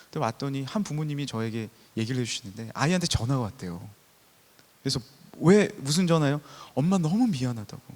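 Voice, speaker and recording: A man in his thirties preaching a sermon, telling stories and swinging from soft passages to loud, emphatic ones. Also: medium pitch. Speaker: pastor. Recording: long church hall reverb.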